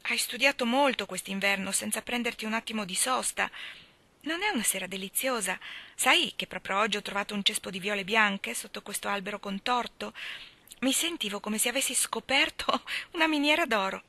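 A woman's voice: medium pitch, brisk. A woman voicing a passionate, emotional young woman in an audiobook, pleading and crying out. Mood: wistful. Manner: pleading, rising to loud emotional outbursts.

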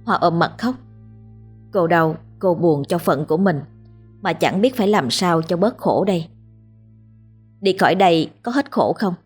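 A woman with a husky, lowish voice reads a ghost story in a steady, dramatic way. Faint music runs quietly behind her narration. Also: measured pace, long pauses.

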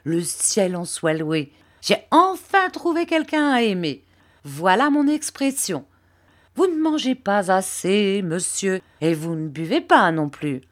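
A woman's voice: mid-range voice, big pitch swings, takes it slowly. A woman reading a fussy, nosy, motherly landlady in an audiobook, sentimental and insistent, repeating herself. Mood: coaxing.

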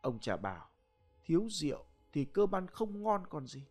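A man's voice: on the high side, very animated, moderate pace, breathy edge, faint music behind, pitched above the performer's own voice. Man doing a frightened older village wife. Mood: coaxing. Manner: coaxing, then tearful.

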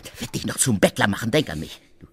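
An actor playing a coarse, bullying middle-aged swindler in a radio play, husky and blustering. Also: male voice, lowish voice, sing-song, fast talker, full character voice. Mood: scornful.

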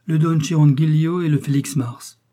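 A man reading the part of a learned village priest, measured and explanatory, in an audiobook. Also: on the high side, fairly even intonation, dark tone, voice pushed up, natural voice.

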